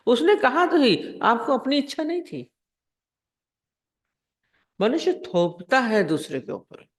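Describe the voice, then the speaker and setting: A woman's voice: on the high side, sing-song, slow pace. Woman spiritual teacher, plain conversational discourse, leans on homely examples and rhetorical questions.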